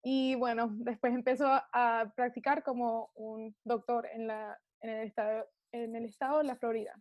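A woman's voice: fairly high pitch, little pitch movement, normal speed, darkish tone, no echo. A young woman in a casual interview, more at ease in English, speaking hesitant Spanglish and searching for words. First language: more at ease in English than in Spanish. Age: young adult. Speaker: podcast guest, student of Chinese medicine.

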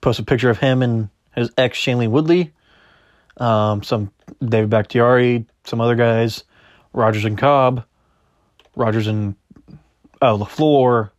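A man's voice: mid-range voice, measured pace, long pauses, no echo, clean studio sound. A young man hosting a solo sports podcast, rambling and correcting himself as he reads news and riffs. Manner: rambling, self-correcting, chatty. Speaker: podcast host.

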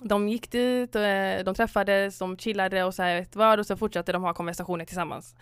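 A woman chats casually and retells a story, voicing each person in turn and dropping English phrases into her speech. Her voice is smooth and clear. The recording is dry and close, with no room sound. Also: mid-range voice, fairly even intonation, dry recording. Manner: retells stories acting out both sides, mixing in English phrases. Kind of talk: casual chat.

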